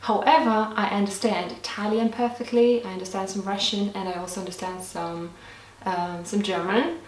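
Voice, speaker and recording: Picked up from a distant mic with a little hiss or hum, a young native Lithuanian speaker with a medium-pitched voice earnestly answers viewer questions on camera. The casual Q&A has small restarts, and the room echoes, leaving her voice off-mic.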